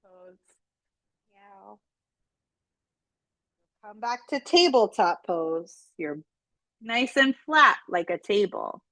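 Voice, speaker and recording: A woman yoga instructor gently guiding children and families through poses, with playful, encouraging cues. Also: mid-range voice, sing-song, drawn-out words, pauses often, dry recording. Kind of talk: guided kids' yoga instruction.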